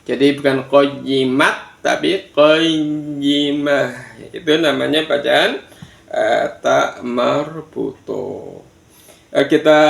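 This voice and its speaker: Male Quran teacher for kids, unhurried and gravelly, leading chant drills, echoey room. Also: mid-range voice. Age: older. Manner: addresses children warmly, counts aloud and drills chanted recitation. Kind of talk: slow online Quran recitation lesson for children.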